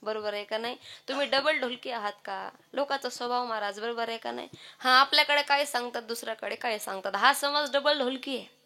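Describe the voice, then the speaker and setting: High, bright-voiced woman kirtan preacher. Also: brisk. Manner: lively, keeps asking the crowd for agreement. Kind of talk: humorous kirtan sermon to a live audience. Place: live kirtan gathering with audience.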